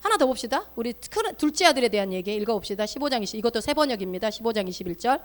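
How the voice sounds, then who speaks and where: Woman pastor, church sermon, high and very expressive, storyteller who quizzes the congregation. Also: rapid-fire. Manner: animated storytelling, asks the congregation questions.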